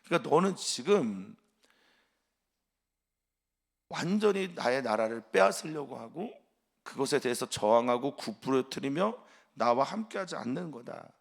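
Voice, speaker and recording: A man voicing a furious aging king who scolds his son with accusing, shouted rhetorical questions. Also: medium pitch, expressive, moderate pace, vocal fry, husky, exaggerated voice.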